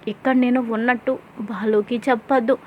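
A desperate young woman read by a woman narrator begs in a hushed voice for her secret to be kept. It is a storybook retelling with a fairly high voice. The recording is dull and lo-fi. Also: steady tone, brisk, a little hiss or hum, lightly acted. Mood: pleading. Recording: dull lo-fi sound.

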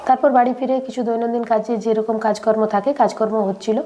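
A woman's voice: a little high, fairly even intonation, fast talker, background noise. A young woman, narrating her daily-life vlog while she has a cold, chatty and speaking straight to viewers with many fillers. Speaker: vlogger.

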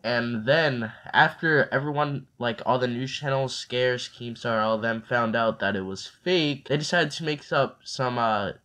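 A man's voice: medium pitch, measured pace, few pauses, fairly bright tone, slight background noise. Young male vlogger, rambling casual commentary, stumbles on words, built-in computer mic.

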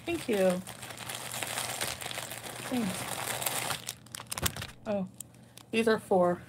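A woman in her thirties chats through a casual clothing haul vlog in her bedroom at home, rambling, giggling and often joking at her own expense. Her voice is mid-range and extremely slow, and the recording is very noisy.

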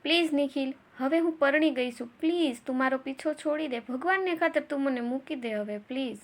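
A woman's voice: high voice, fairly quick, natural voice. A woman voicing a young married woman begging through tears. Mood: pleading. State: crying.

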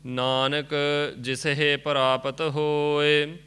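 A man reciting scripture in a slow, measured chant as a student in a lesson. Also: fairly high pitch, level tone, pushed and bright, clean tone.

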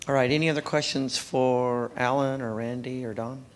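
A man moderating a conference panel, briskly passing questions to the speakers. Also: mid-range voice, steady tone.

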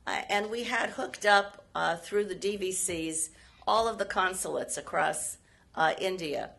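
Woman, hoarse, gravelly, formal policy lecture, measured with many pauses. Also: on the low side, fairly bright tone. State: hoarse, frog in her throat. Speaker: keynote speaker, former State Department official. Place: university lecture event.

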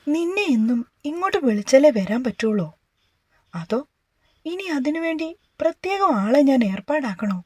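A woman's voice: sits high, animated, normal speed, mellow, husky, dry recording. A woman voicing a short-tempered but caring young husband who scolds and then coaxes. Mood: irritated.

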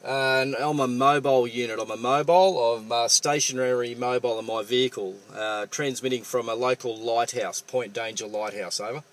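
Man, Australian accent, mid-pitched, radio operator talk, casual, matey, halting delivery. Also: fairly even intonation, noisy background. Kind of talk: two-way radio contact, call signs and radio jargon. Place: parked vehicle.

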